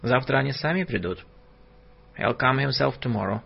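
A man's voice: medium pitch, normal speed, creaky, husky. A man doing a curt, bossy watchman. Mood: stern. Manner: admonishing, curt. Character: gruff male hospital watchman, stern, bossy. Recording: dull lo-fi audiobook recording.

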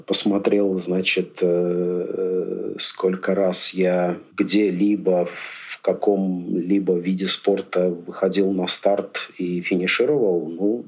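A man's voice: deep voice, vocal fry, husky. A man in his forties, a podcast guest talking through his racing life in a reflective, rambling way with many fillers. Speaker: podcast guest, amateur triathlete. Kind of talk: casual interview chat.

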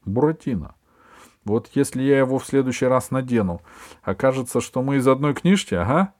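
A man reading aloud who voices an eager, earnest young schoolboy with quick replies. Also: mid-range voice, expressive, darkish tone, pitched above the performer's own voice, lightly acted. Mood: hopeful.

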